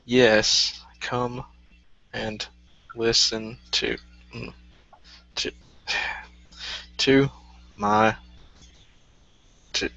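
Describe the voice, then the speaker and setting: A man co-hosting a live stream, chatting casually in a halting way, trailing off and restarting. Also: mid-range voice, little pitch movement, gravelly, pushed and bright, dry recording. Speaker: co-host of a live stream show. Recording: dull dry lo-fi sound.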